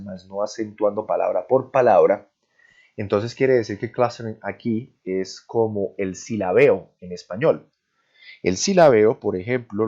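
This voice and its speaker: Male professor, lecture voice, somewhat low, muffled lo-fi recording, keeps asking if it's clear. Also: a little mellow. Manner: explains step by step, often checking "¿listo?", "¿sí?". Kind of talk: online class lecture.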